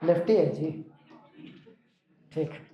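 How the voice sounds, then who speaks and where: Male English teacher, high voice, firm classroom instructions, echoey room. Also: dull audio. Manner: slow dictation, firm instructions. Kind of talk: classroom grammar lesson.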